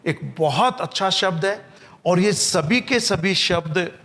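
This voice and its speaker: A man's voice: sits high, fairly bright tone. Male vocabulary teacher. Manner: explains in Hindi, reads English example sentences slowly and carefully. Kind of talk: vocabulary lesson.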